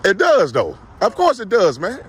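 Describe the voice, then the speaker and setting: A man's voice: high voice, wildly swooping pitch, moderate pace. A man filming officers outdoors, talking casually and informally, often repeating himself and laughing in disbelief. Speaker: citizen journalist filming an arrest. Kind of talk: casual confrontational talk with officers. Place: outdoors on a street.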